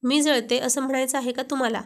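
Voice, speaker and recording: A woman's voice: high voice, steady tone, fast. A woman voicing a shy young wife who flares up and gets flustered at her husband's teasing. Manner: coy, flustered.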